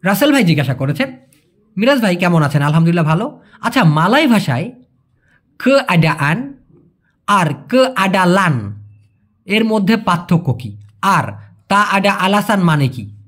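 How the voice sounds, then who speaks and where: Man, language teacher, patient, repeats words slowly, animated pitch. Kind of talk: explaining vocabulary to viewers.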